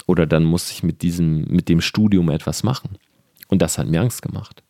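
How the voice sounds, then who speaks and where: A man's voice: sits low, brisk, gravelly, mellow, no echo, studio quality. A young man talking earnestly and directly to the listener in a casual motivational monologue, with fillers and the odd swear word.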